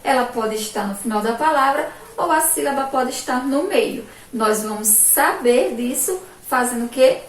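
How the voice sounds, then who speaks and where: In a remote lesson for children, a Brazilian woman teacher from Sergipe uses a slightly high voice and lively intonation, speaking slowly with drawn-out, emphatic syllables. "Ó" and "olha aqui" come up often, and she's recorded from a distance in an echoey room with faint background noise.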